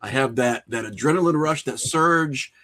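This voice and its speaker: With a medium pitch, normal speed, and a pushed, bright quality, a middle-aged man recounts stories as a podcast guest. He writes and makes horror films, comes from a small rural town, and speaks casually and reflectively, laughing a little as he shares anecdotes.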